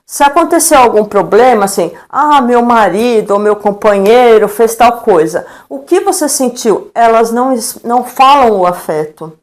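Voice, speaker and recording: A woman's voice: on the high side, normal speed, hardly any pauses. A middle-aged woman with a Brazilian Portuguese accent, a guest educator telling stories in a live-stream interview and acting out the dialogue she quotes. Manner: lively storyteller, acts out quoted dialogue, frequent tag questions.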